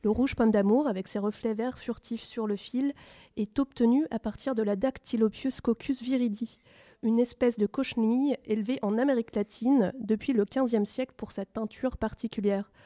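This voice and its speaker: A woman expert gives precise, detailed explanations in a fairly high, warm voice. The sound is dry and close. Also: steady tone, moderate pace, dry recording. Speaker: expert guest. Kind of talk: mock-documentary exposition.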